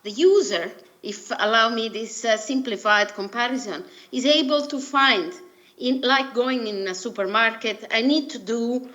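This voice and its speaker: A woman from Italy with an Italian accent gives a formal, haltingly phrased presentation over a video call. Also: fairly high pitch, a bit bright. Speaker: presenter at an online workshop. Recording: dull, muffled video-call audio.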